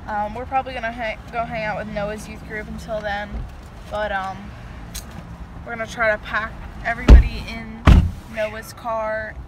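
A woman's voice: fairly high pitch, flat delivery, normal speed. A young woman vlogging from a car into a phone at arm's length, talking casually with lots of fillers and an exasperated tone. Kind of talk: casual vlog chat. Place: inside a car. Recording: car noise behind.

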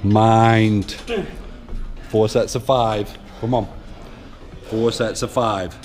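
Music plays across a big gym as a northern English coach films a workout, barking brief commands and counting off reps. He speaks very slowly in a low, fairly even, slightly mellow voice.

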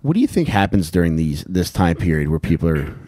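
This co-host of a casual American comedy podcast has a low, mellow voice and is very animated, talking a little fast. He swears and tells crude jokes into a close handheld mic indoors in a small wood-panelled room, with no room sound audible.

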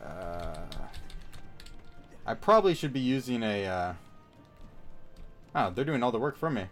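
A man's voice: medium pitch, very animated, unhurried, soft background music. A man giving casual, joking commentary while playing a video game. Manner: joking, chatty, reacts to the game. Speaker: gamer playing through a game.

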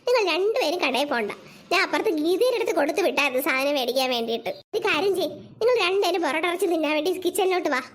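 A woman's voice: lively intonation, very fast. Woman doing a stern cartoon mother. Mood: firm. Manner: lower, firm and scolding. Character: stern mother who sees through tricks. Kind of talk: cartoon voice acting.

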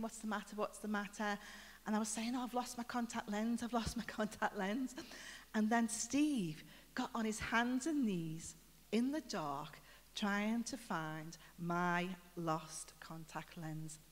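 A woman preaching a conversational sermon, telling stories and putting questions to the congregation. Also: medium pitch. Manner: chatty storytelling with questions to the congregation. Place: church building. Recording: reverberant church hall.

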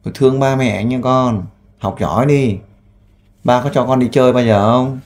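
A man who works as a volunteer interviewer. He asks gentle, coaxing questions and makes an earnest appeal with frequent fillers. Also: medium pitch, normal speed. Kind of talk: on-the-spot interview and appeal to camera.

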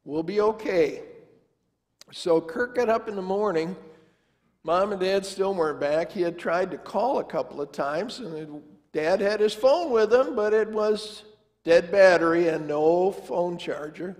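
This older man's voice is high, unhurried and a little mellow as he delivers a storytelling sermon as pastor, recounting a family tale casually and voicing its dialogue. Long reverb fills the large church sanctuary where he stands before the altar.

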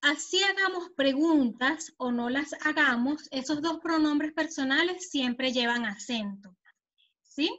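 Over muffled video call audio from a computer mic, a woman with a Venezuelan accent teaches an online Spanish lesson. Her high-pitched, slightly bright voice is animated but unhurried as she explains patiently and checks that students are following.

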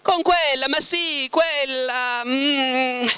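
Male reader as fidgety absent-minded writer, halting and evasive, raised pitch. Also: sharp tone, heavily acted. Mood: flustered. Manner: halting, groping for a name.

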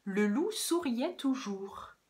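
A woman reading a children's story aloud as a storyteller, in an expressive, dramatic way. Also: a little high, takes it slowly.

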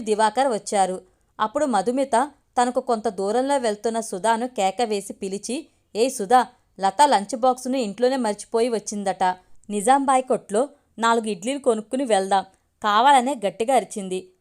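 A woman reading a romantic family story aloud as the narrator, at a steady, even pace. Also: a little high.

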